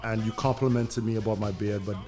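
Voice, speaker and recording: A man's voice: fairly low pitch, fairly even intonation, a little fast, dark tone. A man interviewing someone in casual, informal, slangy conversation. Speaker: host asking questions. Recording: music behind the voice.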